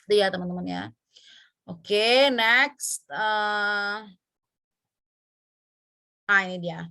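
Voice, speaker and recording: A woman with an Indonesian accent teaching an English pronunciation class, drawing out example words slowly and pausing with fillers. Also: mid-range voice, creaky, sharp tone, smooth. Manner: slow, drawn-out example words with many fillers. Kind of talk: online class lesson mixing Indonesian and English.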